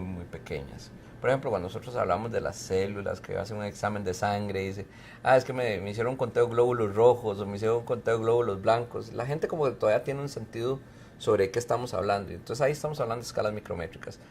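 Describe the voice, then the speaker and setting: Using frequent fillers, this middle-aged man answers an interviewer's questions in an easygoing, explanatory style. He is a professor and researcher from Mexico who grew up in Costa Rica, and his voice is lowish. A little hiss or hum and faint background music are audible.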